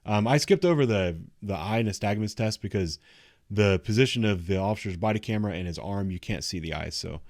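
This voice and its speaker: Low-voiced man giving explanatory commentary. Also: a little fast, a little mellow, no echo. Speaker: commentator reviewing police footage. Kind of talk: unscripted explanatory video commentary.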